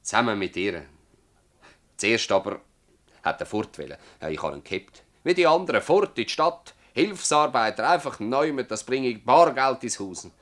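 A male actor whose voice sits low portrays a stubborn, bitter old village farmer in a Swiss German dialect radio play, rambling emphatically and repeating himself rhetorically.

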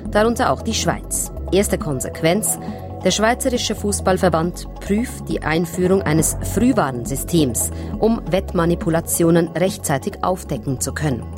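Measured woman presenting radio news. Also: on the low side, expressive, over music. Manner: measured, formal.

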